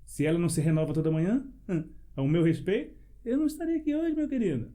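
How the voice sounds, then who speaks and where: In a panel debate, a male pastor preaches fast and expressively, his voice high yet mellow. Pressing his points with emphasis, he poses one rhetorical question after another and breaks into quick laughs between phrases as he recounts his own testimony.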